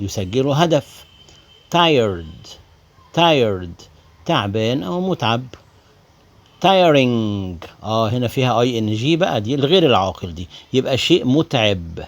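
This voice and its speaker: A male teacher with an Egyptian Arabic accent giving an English lesson, who says each word twice and then translates it. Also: medium pitch. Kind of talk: vocabulary and grammar lesson.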